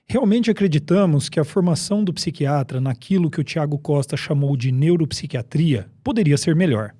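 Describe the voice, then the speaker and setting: Mellow-voiced Brazilian host, measured. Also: male voice, a little high, animated, no room sound, clean studio sound. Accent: Brazilian Portuguese. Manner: measured, explanatory. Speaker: psychiatry podcast host. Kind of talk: scripted podcast discussion.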